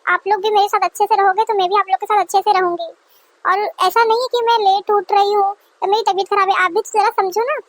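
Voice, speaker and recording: A woman's voice: very high-pitched, fairly even intonation, a little fast, dry recording. A woman voicing an aggrieved young newlywed wife who argues indignantly with her in-laws, in a dry close recording. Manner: indignant, complaining.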